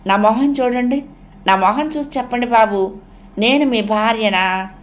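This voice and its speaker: A woman's voice: on the high side, natural voice. A woman voicing a humble young maid and new bride who pleads through tears in a storybook reading. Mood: pleading, tearful. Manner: pleading, sobbing, slow.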